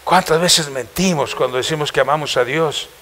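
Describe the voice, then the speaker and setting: A man's voice: on the high side, moderate pace, fairly bright tone, slight background noise. A man with a Mexican accent preaching a passionate church sermon, firing rhetorical questions at the congregation. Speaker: pastor.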